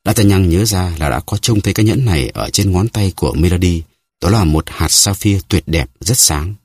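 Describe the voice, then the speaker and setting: Deep-voiced husky male narrator. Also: lively intonation, moderate pace, darkish tone, no echo, clean studio sound. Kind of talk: audiobook narration of a classic novel.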